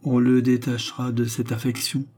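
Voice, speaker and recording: A man's voice: medium pitch, flat delivery, normal speed, lightly acted. A man reading a greedy ironic courtesan. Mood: sharp. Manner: sharp, impatient, ironic. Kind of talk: audiobook character reading.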